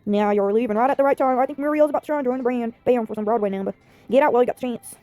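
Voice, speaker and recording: A woman's voice: a little high, very fast, dark tone, natural voice. A woman voicing an easygoing, teasing small-town bar owner in a story game. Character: easygoing small-town barkeeper man, joking.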